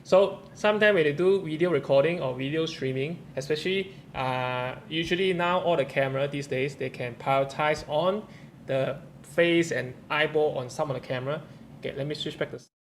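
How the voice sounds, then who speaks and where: A man's voice: on the high side, normal speed, a little hiss or hum. A man hosting a live stream, talking casually through his setup with lots of fillers and restarts. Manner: chatty, switches between English and Mandarin, many fillers and restarts. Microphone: camera shotgun mic.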